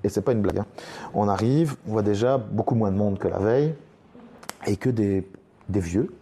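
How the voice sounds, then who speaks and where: A man's voice: lowish voice, moderate pace, mellow, slight background noise. A young man, a stand-up comedian, telling a story in a casual podcast chat and acting out other people's lines as he goes.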